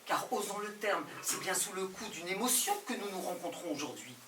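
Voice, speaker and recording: A woman delivering a theatrical poetic monologue with intensity, speaking straight to someone before her. Her voice is bright and edged, picked up from a distance in a roomy, echoing space. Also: lowish voice, expressive, a little fast, a little hiss or hum. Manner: intense, theatrical, addresses a listener directly.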